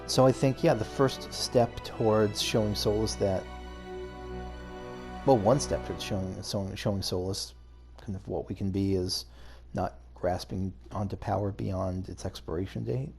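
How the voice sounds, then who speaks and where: A casual gamer with a lowish, steady voice talks at normal speed over clear game music. He comments on his playthrough, thinking aloud and giving dramatic readings of the story text on screen.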